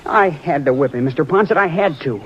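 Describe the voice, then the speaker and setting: In a 1950s radio drama carried on a dull old broadcast, an actor plays a troubled, frightened boy on a ranch who is confessing. His voice is a little high, expressive and fairly quick, lightly acted, pleading and defensive, with slight background noise.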